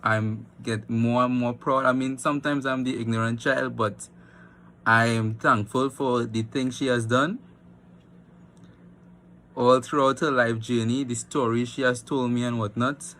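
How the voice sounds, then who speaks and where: A young man giving an emotional family testimonial, speaking haltingly as he holds back tears. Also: mid-range voice, steady tone, a bit bright. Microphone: phone.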